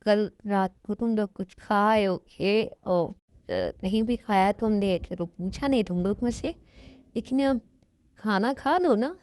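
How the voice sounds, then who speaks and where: A woman dubbing a kindly middle-aged aunt who speaks gently and coaxingly. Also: medium pitch, a little slow, natural voice. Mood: gentle. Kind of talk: fan Hindi dub of a love story.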